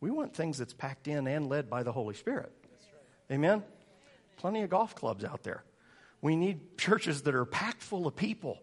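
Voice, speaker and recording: A man preaches a lively sermon, breaking into laughter as he tells funny stories. His voice sits a little high for a man, and he keeps a loose, joking tone with the congregation. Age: 40s. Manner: joking, storytelling, laughing often. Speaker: pastor.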